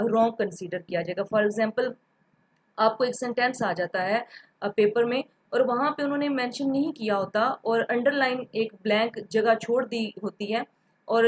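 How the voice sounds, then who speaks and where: A woman's voice: fairly high pitch, rough recording. Patient woman teaching grammar. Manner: patient, repeats examples, mixes in English terms. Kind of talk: grammar lecture.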